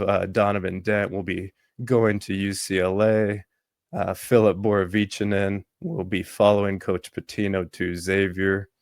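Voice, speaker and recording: A man hosting a sports podcast in casual talk, his voice worn from allergies, halting with many ums and restarts. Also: fairly low pitch, no room sound. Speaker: podcast host.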